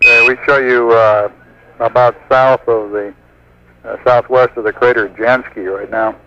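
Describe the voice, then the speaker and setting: A man's voice: medium pitch, steady tone, unhurried. A man at mission control speaking clipped radio procedure talk over a crackly space radio link. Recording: muffled radio with loud static.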